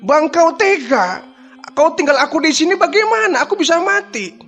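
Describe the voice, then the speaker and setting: A man's voice: very high voice, fairly quick, fairly bright tone, soft background music, pitched above the performer's own voice. A man voicing a young mother abandoned in the desert, crying and pleading with her husband not to leave. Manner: tearful, pleading cries.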